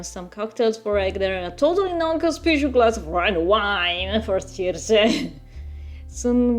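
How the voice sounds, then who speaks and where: A woman's voice: medium pitch, darkish tone. Giggly woman reading a visual novel. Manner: giggly, laughs often while reading. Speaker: let's-play streamer.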